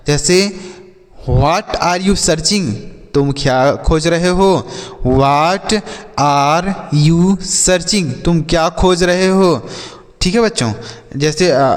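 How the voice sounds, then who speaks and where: Slow-spelling man teaching. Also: a little high, in a large hall. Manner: drills slowly, asks and answers his own questions. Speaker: English teacher. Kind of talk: classroom-style vocabulary lesson.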